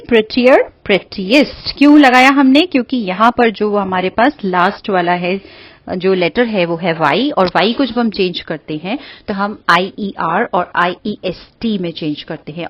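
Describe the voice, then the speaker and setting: A woman's voice: medium pitch, no echo. A woman teaching an English lesson to schoolchildren in a patient, step-by-step way, asking questions and answering them herself. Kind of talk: classroom lesson explaining grammar.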